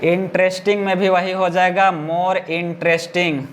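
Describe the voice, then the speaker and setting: A male teacher, teaching grammar in class, repeating words slowly and often asking his students whether they understood. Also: sits high, little pitch movement, a little hiss or hum.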